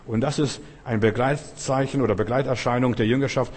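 A man's voice: mid-range voice, fairly even intonation, fairly quick, a little mellow, slightly rough. A man preaching a sermon in an emphatic, repetitive way, with rising bursts on key phrases. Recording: long hall reverb.

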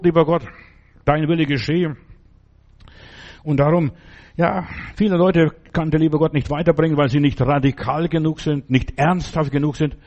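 A man's voice: on the high side, darkish tone. A man preaching a sermon in a blunt, insistent way, talking straight to the listener. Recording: dull lo-fi recording.

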